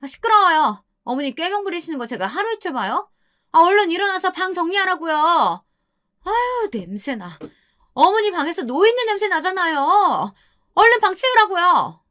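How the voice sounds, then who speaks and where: Woman doing a high, screeching young wife, scornful and nasty, radio-drama story. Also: lively intonation, moderate pace. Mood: shrill nagging. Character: shrill cruel young wife nagging her mother-in-law.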